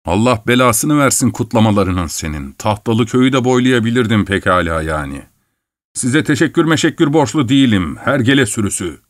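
A man voicing a rough, hot-tempered man who curses and blusters in an audiobook reading. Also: mid-range voice, animated, moderate pace, dry recording, close to an everyday voice. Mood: angry. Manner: cursing, blustering. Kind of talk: audiobook character voice.

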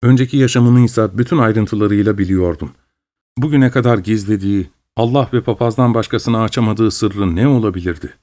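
A man reading a novel aloud in measured first-person narration. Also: on the low side, warm tone. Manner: measured, literary storytelling. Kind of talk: scripted audiobook narration.

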